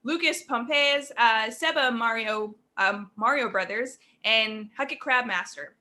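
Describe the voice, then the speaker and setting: Woman co-host reading quiz questions; bright, slightly high voice, playful and giggly. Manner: playful, giggly, reads options aloud deliberately. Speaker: trivia co-host.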